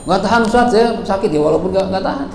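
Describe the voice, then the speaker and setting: A man's voice: high-pitched, animated, fast, gravelly, darkish tone. A man teaching religious law in a prayer hall, playful and acting out examples with frequent laughs. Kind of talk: sermon. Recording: echoey hall, faint ambient noise.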